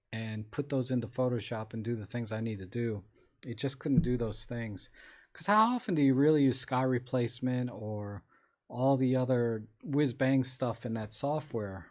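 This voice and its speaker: Reading out viewer comments, the host of a laid-back photography livestream Q&A responds with relaxed rambling and frequent restarts. His mid-range voice has a slight scratchiness to it today.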